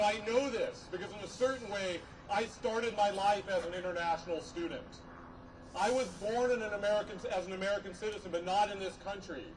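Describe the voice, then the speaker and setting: A middle-aged man giving a podium speech as a professor at a rally, earnest, measured and emphatic. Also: high-pitched. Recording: distant mic, noisy outdoor rally.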